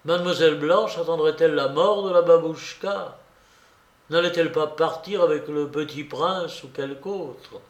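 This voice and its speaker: A man narrating a classic novel in a measured, deliberate storytelling manner. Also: on the high side. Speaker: audiobook narrator. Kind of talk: scripted literary narration. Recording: roomy echo.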